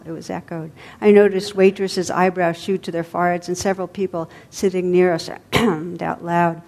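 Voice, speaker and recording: A woman storyteller reading a tale aloud in a somewhat low voice. Her delivery is gentle and expressive, and her lines trail off softly at the ends. The pace is unhurried.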